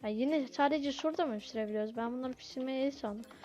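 A woman's voice: high-pitched, quick pace, a little mellow. A woman commenting casually on a restaurant game she is playing, flustered and begging her customers to be patient. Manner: flustered, pleads with impatient customers. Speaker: gameplay video host. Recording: dull lo-fi audio with game music.

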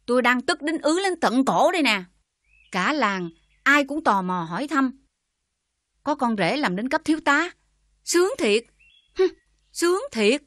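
An actress with a Southern Vietnamese accent playing a bitter older mother who scolds her daughter with sharp sarcasm. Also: high-pitched, big pitch swings, normal speed, no echo, clean studio sound. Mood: scornful anger.

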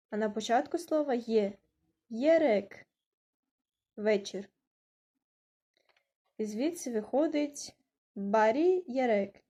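A woman's voice: on the high side, warm tone, muffled recording. A woman teaching an online language lesson, patiently spelling out words letter by letter.

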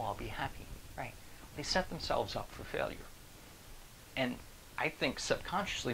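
A man in his forties, a motivational speaker, talking straight to the camera in an animated, joking way, recorded on a lapel mic in a small room. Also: mid-range voice, creaky, a little hiss or hum, rough recording. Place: small indoor room with a screen behind.

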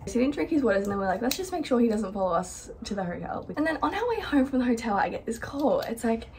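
Chatty young woman, higher voice. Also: quick pace, slight background noise. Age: young adult. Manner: chatty, animated storytelling, lots of "like". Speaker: vlogger. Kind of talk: casual chat. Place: small hotel room indoors.

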